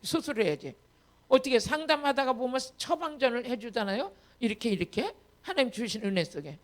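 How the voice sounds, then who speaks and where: High-voiced woman pastor preaching emphatically. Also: very animated, fairly quick. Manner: emphatic preaching, repeated calls to the congregation; acts out quoted dialogue in changing voices. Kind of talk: sermon. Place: church retreat hall, online service.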